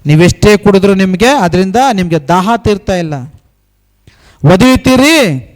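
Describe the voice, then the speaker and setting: A man preaches a sermon in a high voice, pressing his congregation with rhetorical questions. He drives each point home by repeating short phrases in an emphatic cadence, speaking as the pastor of the church. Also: normal speed.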